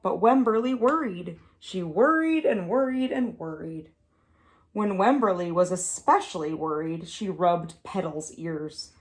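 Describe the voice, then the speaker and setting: Reading a picture book to young children, this preschool teacher speaks at a fairly low pitch. She phrases things expressively and deliberately, stressing particular words.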